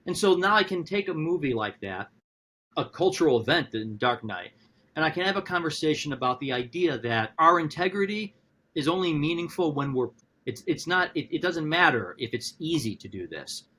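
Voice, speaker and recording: A man who is a philosophy professor, talking in a podcast conversation, animated and thinking aloud with frequent restarts. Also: moderate pace, breathy edge. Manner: animated, talks through ideas with frequent restarts; acts out quotes with sudden high-pitched voices.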